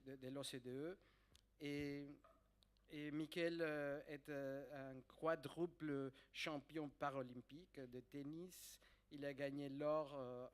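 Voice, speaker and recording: A man who is not a native French speaker, with a foreign accent in French, introducing a guest to an audience in a halting way, repeating words as he searches for phrasing. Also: mid-range voice. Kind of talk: live spoken introduction to an audience.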